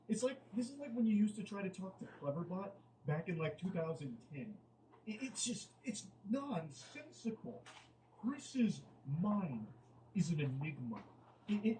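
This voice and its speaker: A man with a fairly high voice gives comedic commentary, sounding incredulous and exasperated, and he swears freely. He is recorded a little away from the mic. A faint noise runs underneath. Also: far from the mic, rough recording. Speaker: commentator reading out a dating app chat.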